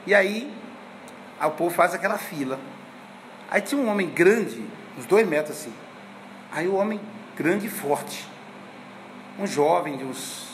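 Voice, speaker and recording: A man's voice: high voice, fairly bright tone, slight background noise. A man in his fifties teaching a course, telling anecdotes in a chatty, conversational way with frequent tag questions. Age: 50s.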